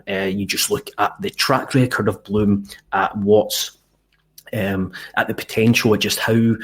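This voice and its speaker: A man who is a football journalist, thinking aloud and restarting his sentences while he answers fans' questions on a solo stream. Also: on the low side. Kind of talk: solo live stream talk.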